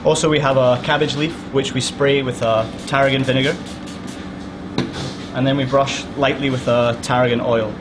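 A young man, a sous chef, calmly explaining a dish step by step as he plates it in a restaurant kitchen. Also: medium pitch, normal speed. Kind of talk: explaining a dish while plating. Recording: loud kitchen air-conditioning hum. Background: air conditioning hum.

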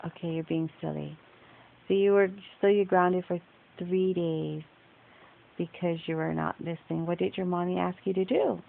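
A woman's voice: fairly low pitch, steady tone, moderate pace, vocal fry. Firm woman questioning, tinny phone clip. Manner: firm, patient, repeatedly questioning. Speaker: relative questioning a child on video. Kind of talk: home video chat. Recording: tinny lo-fi phone recording with hiss.

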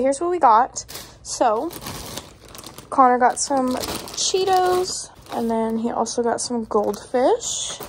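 A woman in her twenties with an American accent chats casually to her vlog camera in her living room and kitchen. Her voice sits on the high side, creaky and darkish in tone. Filmed on a phone or camera held at arm's length, the clip carries noticeable room noise from the handheld setup.

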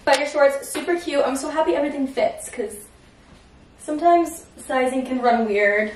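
A woman's voice: sits high, normal speed. Chatty upbeat young woman vlogger. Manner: chatty and upbeat, heavy use of "like" and "so cute". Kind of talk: casual vlog narration. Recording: handheld phone vlog with steady background noise.

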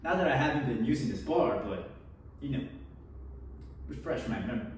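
Lively in intonation and moderate in pace, this twentysomething fitness vlogger with a mid-range voice gives a jokey, offhand review of equipment, often trailing off into little laughs. He's recorded from across his echoey home garage gym, off-mic, with slight background noise.

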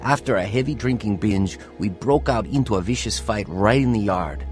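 In a radio drama, an actor with a lowish voice plays a troubled, hot-tempered teenage boy, both speaking in dialogue and narrating his own life as a kind of testimony. The delivery is lightly acted, moderately paced, confessional and reflective. Soft music plays behind him.

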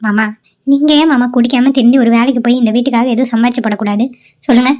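A woman voicing a caring, frank young woman who speaks earnestly and gently scolds, in a cartoon drama. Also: on the high side, fairly even intonation, rapid-fire, over music, natural voice.

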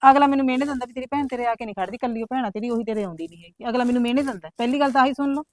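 A woman's voice: on the high side, lightly acted. A middle-aged woman playing an aggrieved younger sister who rattles off complaints in a village family drama. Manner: complaining, rapid-fire grievances.

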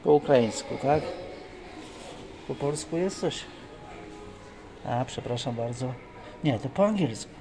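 This man speaks slowly in a mid-range voice, animated but with long pauses, as he narrates a family vlog. Filming on a handheld phone outdoors and in a mall, he keeps things chatty with dry jokes, and the recording picks up outdoor noise.

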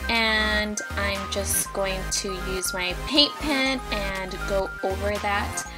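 Speaking slowly in a mid-range voice with fairly even intonation, this young adult DIY vlogger walks viewers through a craft project in a casual voice-over. She sounds bubbly and upbeat, recording indoors against a brick wall while background music plays.

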